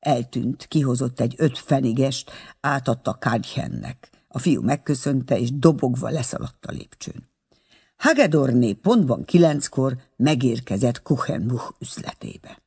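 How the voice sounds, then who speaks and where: Husky, lively audiobook narrator. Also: medium pitch. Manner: expressive, measured storytelling.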